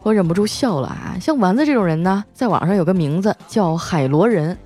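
A female host telling comic everyday stories in a chatty, lively way. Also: fairly low pitch. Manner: lively, chatty, drawn-out particles. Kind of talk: comic storytelling. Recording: faint music bed.

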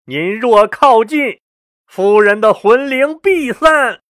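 A man voicing a wily male court sorcerer and swindler, who gives slow, drawn-out, solemn warnings. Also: very high voice, expressive, pitched above the performer's own voice, exaggerated voice. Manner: solemn, drawn-out warnings turning to alarmed shouts.

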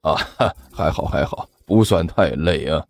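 A man voicing a tired, put-upon male master who talks slowly and sighs in an audiobook. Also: a little mellow, close to an everyday voice. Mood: weary. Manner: slow, sighing, low-key. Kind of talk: audiobook character voice.

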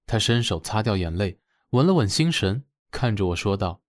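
Expressive young male narrator. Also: moderate pace, dry recording, clean studio sound. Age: young adult. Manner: expressive, swinging pitch. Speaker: narrator and lead. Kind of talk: first-person audio drama narration.

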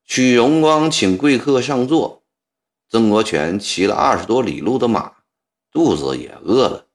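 A man's voice: medium pitch, expressive, a little slow. A man narrating a historical novel as a storyteller, voicing the characters' dialogue as he goes.

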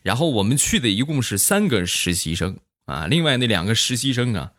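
A man's voice: mid-range voice, very animated, brisk, fairly bright tone. A man telling comic anecdotes in a chatty way, full of tag questions. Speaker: stand-up storyteller. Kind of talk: comic monologue of short anecdotes.

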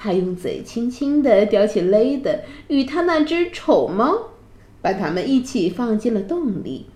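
Slow, expressive woman storyteller. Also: fairly high pitch. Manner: gentle, expressive reading. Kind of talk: children's story narration. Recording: roomy echo.

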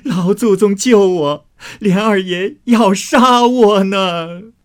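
A man's voice: unhurried, a little mellow. A man voicing a furious, jealous young noblewoman who screams and shrieks. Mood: wailing. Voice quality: shrill screaming.

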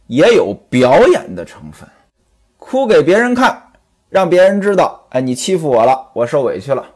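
A man's voice: a little high, darkish tone. A man telling a traditional story with commentary and chatty asides to the listener.

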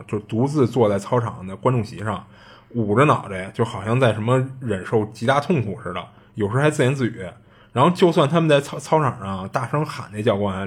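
Fast-talking husky man. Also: mid-range voice. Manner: chatty, animated retelling with frequent fillers. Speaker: podcast host. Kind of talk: casual storytelling.

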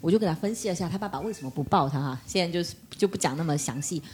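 一位三十多岁的女人在播客中闲聊，讲自己带孩子的经历，常模仿别人说话的语气。. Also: female voice, fairly low pitch, rapid-fire, slight background noise. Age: 30s. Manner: animated storyteller acting out quoted dialogue. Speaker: podcast guest. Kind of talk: casual chat.

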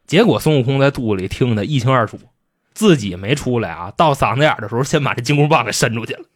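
A man retelling a classic novel comically, in animated, slangy talk with frequent laughs. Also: medium pitch, fast talker. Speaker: storyteller host.

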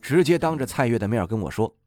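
A man narrating a novel in the first person, wry and expressive. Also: mid-range voice, fast talker, soft background music. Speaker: audiobook narrator.

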